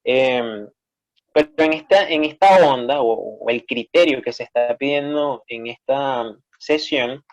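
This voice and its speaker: Male teacher, Peruvian accent, patient explanatory delivery, even middle voice. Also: medium pitch, a little slow, soft background music. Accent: Peruvian Spanish. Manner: explanatory, frequent checking "¿sí?". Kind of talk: online class instruction.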